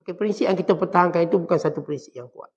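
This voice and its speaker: Gravelly Malaysian preacher, high-pitched. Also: male voice, expressive, very fast. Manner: acts out quoted lines in soft and harsh voices. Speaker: religious teacher. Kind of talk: sermon. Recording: dull lo-fi recording.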